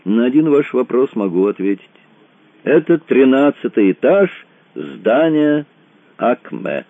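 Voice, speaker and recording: A man's voice: mid-range voice, sing-song, measured pace, no room sound, pitched above the performer's own voice. A man voicing a huge, cheerful male board chairman with a teasing manner, in a tinny, dry recording. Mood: jovial. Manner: cheerful, mocking. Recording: tinny phone-like dry sound.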